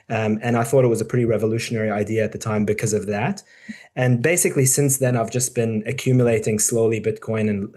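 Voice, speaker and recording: A man's voice: medium pitch, a little mellow. A man in his forties, a surgeon, giving a casual, conversational talk to fellow doctors, with frequent ums and restarts. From born in the UK, raised in Dubai and New Zealand. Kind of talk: casual presentation to peers.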